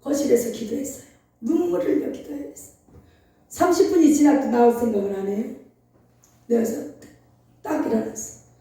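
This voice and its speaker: High-voiced older woman preaching in an echoey hall. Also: normal speed, pauses often, distant mic. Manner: animated storytelling, emphatic and laughing. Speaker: pastor. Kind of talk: sermon. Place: church sanctuary.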